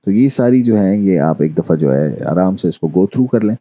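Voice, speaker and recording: Male Quran recitation teacher, deep dark husky voice, patient explainer, recites slowly. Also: animated. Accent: Urdu-speaking Pakistani. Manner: explains patiently, mixes in English phrases, recites verses slowly. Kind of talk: online lesson.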